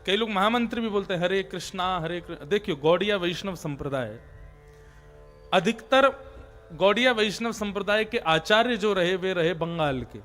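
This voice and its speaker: A man's voice: sits high, expressive, moderate pace, a bit bright, soft background music. A male preacher giving a devotional sermon, explaining and stressing correct pronunciation as he tells a story.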